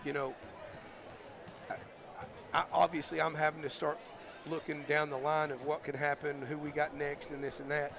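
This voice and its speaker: A male basketball coach, talking in a halting, thoughtful way with many fillers, his voice going hoarse, in a postgame interview. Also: fairly high pitch, level tone. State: losing his voice. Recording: crowd noise behind.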